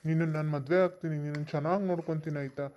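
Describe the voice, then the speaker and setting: A man's voice: on the high side, fairly even intonation, rapid-fire, natural voice. A cocky village flirt, voiced by a man, who sweet-talks. The sound is dull and lo-fi, as in a cartoon dub. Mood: pleading. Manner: wheedling, sweet-talking.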